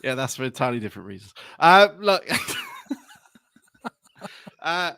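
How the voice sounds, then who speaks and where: A man's voice: fairly high pitch, wildly swooping pitch, takes it slowly, gravelly, pushed and bright, smooth, dry recording, studio quality. A man from England hosting a football podcast, chatting casually, laughing often and swearing now and then. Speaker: podcast host. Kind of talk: casual podcast chat with a read presentation segment.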